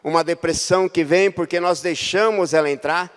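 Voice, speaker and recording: A Brazilian man preaches in a church, his voice sitting high for a man. He moves between easygoing storytelling and loud, rising exhortation, and a long reverb trails his words through the hall. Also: moderate pace, clean tone. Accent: Brazilian Portuguese. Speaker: pastor. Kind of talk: sermon.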